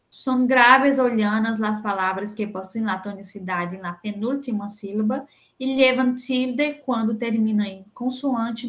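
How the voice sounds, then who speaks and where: A young adult woman with a Brazilian Portuguese accent, teaching a Spanish lesson and patiently explaining rules with frequent checks like "né?" and "tá?". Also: on the high side. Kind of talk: recorded online lesson.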